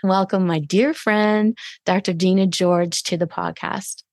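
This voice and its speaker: Gravelly-voiced woman podcast host. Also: mid-range voice, fairly even intonation, measured pace, darkish tone, dry recording, clean studio sound. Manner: effusive, affirming, repeats phrases for emphasis. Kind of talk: warm interview chat.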